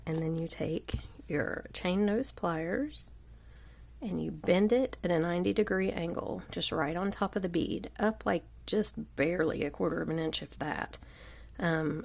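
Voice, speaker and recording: Suffering from a cold, a woman with a congested, gravelly voice of fairly low pitch and a little mellowness leads a casual live craft tutorial. She sits at an indoor craft table, her hands captured by an overhead camera. She's chatty and rambling, often falling to a murmur.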